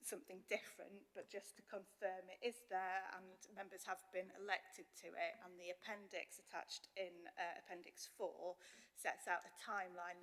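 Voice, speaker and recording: Woman officer running through a report, even tone, bit gravelly. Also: lowish voice. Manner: measured, businesslike, with fillers. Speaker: council officer presenting a report. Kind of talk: formal meeting briefing. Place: council committee room.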